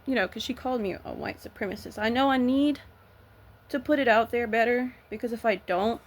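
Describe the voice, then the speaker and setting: A woman's voice: on the high side, a little fast. A woman vlogging in a casual, blunt rant, swearing freely and sounding nervous and shaky. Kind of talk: casual ranting vlog.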